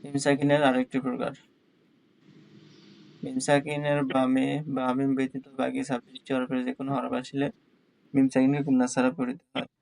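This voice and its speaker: A man teaching Quran reading in an online class, slowly spelling out Arabic letters and vowel marks in Bengali with a Bangladeshi accent. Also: mid-range voice, completely flat delivery, vocal fry, a little mellow, slight background noise. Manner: slow, drawn-out recitation of letters and vowel marks.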